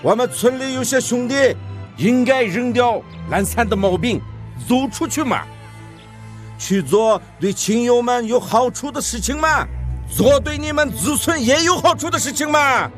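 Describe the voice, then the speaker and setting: A man's voice: very high-pitched, expressive, faint music behind. An actor playing a middle-aged male village chief who coaxes villagers in a preachy, folksy way. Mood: exhorting. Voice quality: coaxing, preachy with drawn-out sentence endings. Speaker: village head. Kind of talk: radio drama acting.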